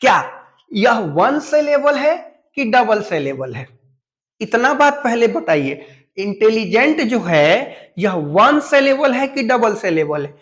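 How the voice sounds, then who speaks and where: Male teacher, high-pitched, deliberate and unhurried, patient step-by-step explainer who spells words letter by letter. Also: very animated, fairly bright tone. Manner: speaks to students familiarly and asks them questions. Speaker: English teacher. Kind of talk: classroom lesson.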